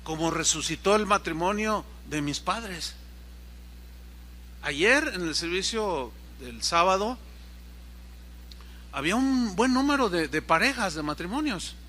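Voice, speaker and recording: A man's voice: high voice, animated, unhurried, long pauses, pushed and bright, a little hiss or hum. A man pastor giving a sermon, retelling a story and acting out its dialogue. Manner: storytelling preacher who acts out the dialogue. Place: church service.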